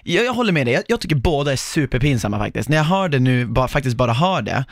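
A male podcast host commenting in a casual, mocking way, his voice lively and full of inflection. The sound is close and dry, with no room echo. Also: mid-range voice. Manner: animated, mocking.

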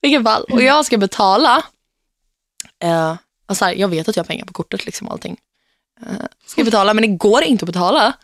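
A young woman hosts a casual podcast with an animated storytelling manner. She acts out quotes and laughs often. Her pitch sits mid-range and the sound is close and dry. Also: no room sound. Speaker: podcast host.

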